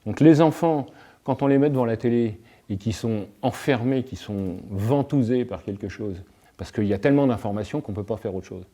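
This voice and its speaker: A man's voice: mid-range voice, brisk, dark tone. A man speaking as a guest in a discussion, philosophical and playful, telling everyday anecdotes and playing with words. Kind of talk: reflective talk in a discussion.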